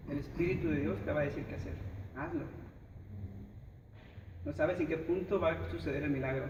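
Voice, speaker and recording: A man preaches in a Mexican accent, his fairly high voice emphatic as he talks straight to his listeners. He is picked up from a distance in a reverberant church hall, and the sound is dull, with steady noise underneath. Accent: Mexican Spanish. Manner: emphatic, speaks straight to the listener, acts out others' words. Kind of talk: sermon.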